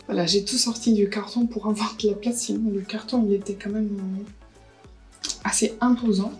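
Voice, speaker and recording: A woman's voice: mid-range voice, steady tone, moderate pace, music in the background, rough recording. A woman, chatting casually through a beauty haul and unboxing, thinking aloud with lots of hesitations. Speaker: beauty vlogger.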